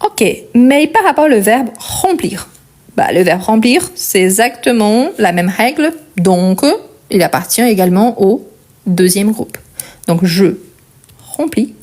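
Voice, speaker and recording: A woman's voice: mid-range voice, animated, slow pace, a little mellow. A woman with a Portuguese accent teaching a French conjugation lesson, explaining patiently step by step and checking in often with the learner.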